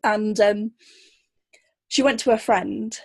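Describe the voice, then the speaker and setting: A woman's voice: mid-range voice, slow, creaky. A woman guest, a kinesiologist, telling anecdotes in a casual interview, often acting out the voices of the people she quotes.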